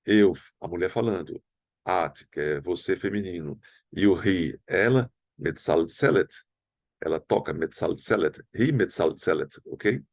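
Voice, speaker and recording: A man with a Brazilian Portuguese accent teaching a recorded Hebrew lesson, patiently explaining and slowly sounding out words. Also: deep voice, vocal fry, dry recording. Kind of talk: recorded online language lesson.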